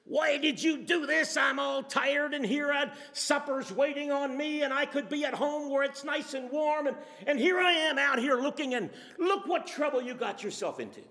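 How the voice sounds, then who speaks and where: Worn-out shepherd, played by a man, loud and scolding, in a reverberant hall. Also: very high-pitched, moderate pace, creaky, hardly any pauses, voice pushed up, heavily acted. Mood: exasperated. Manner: scolding, complaining. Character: tired, irritated shepherd scolding a lost sheep.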